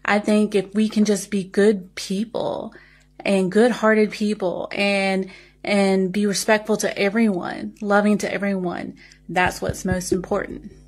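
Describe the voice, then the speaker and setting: A woman from the Southern United States, with a Southern American accent and a slight speech impediment, responds in a social media video with reflective personal talk to camera. She speaks earnestly and carefully, in a mid-range voice that is flat and a little slow.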